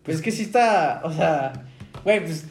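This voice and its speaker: A man's voice: a little high, lively intonation, moderate pace, darkish tone. Slangy young Mexican man, echoey room. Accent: Mexican Spanish. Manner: laughs often, slangy, acts out quoted voices. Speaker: podcast co-host. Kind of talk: casual chat, reading listener stories.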